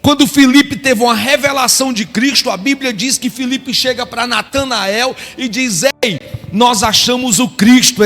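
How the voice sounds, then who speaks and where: Preaching a live sermon in a reverberant hall with faint music, a middle-aged Brazilian man fervently exclaims praise, crying "aleluia" often. His impassioned voice sits high and is creaky and a bit bright.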